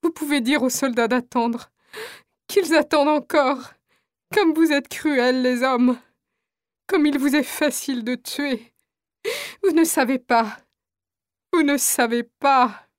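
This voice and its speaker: Brief: woman doing a distraught mother, crying and begging, high voice, dry close sound. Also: slow, pauses often, no echo. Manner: pleading, screaming, sobbing. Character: desperate mother, pleading for her children.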